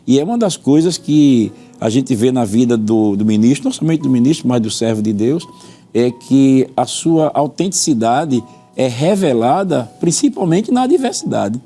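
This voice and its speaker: A man's voice: mid-range voice, lively intonation, moderate pace, warm tone, soft background music. A Brazilian man, a pastor, teaching on a religious TV panel in an earnest, expository way, quoting scripture and repeating points for emphasis. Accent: Brazilian Portuguese.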